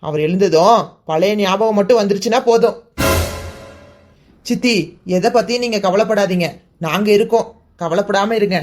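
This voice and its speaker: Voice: mid-range voice, normal speed, long pauses, faint music behind, close to an everyday voice. A voice actor playing an earnest, caring young man in a cartoon, reassuring and blunt. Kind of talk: cartoon voice acting.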